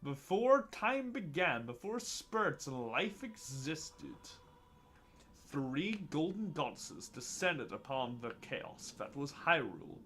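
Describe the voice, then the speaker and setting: A man voicing an ancient, wise male tree spirit, reading game dialogue aloud in slow, archaic, solemn tones. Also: a little high, big pitch swings, fairly bright tone, heavily acted.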